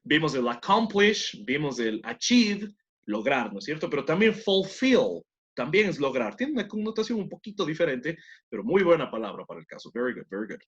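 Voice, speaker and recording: A man's voice: a little high, sing-song, brisk. Encouraging man teaching English, muffled audio. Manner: encouraging, repeats praise, switches between Spanish and English. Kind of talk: bilingual classroom instruction.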